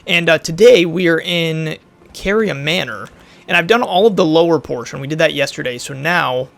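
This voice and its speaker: Male gaming YouTuber, rambling let's-play commentary, slightly worn gravelly voice. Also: fairly high pitch, normal speed, fairly bright tone, dry recording. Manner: chatty, rambling, thinks aloud. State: losing his voice a bit.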